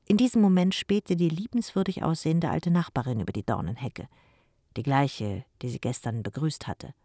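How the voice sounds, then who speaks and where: Audiobook narrator, even storytelling, mid pitch, dry studio sound, close mic. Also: normal speed, no room sound.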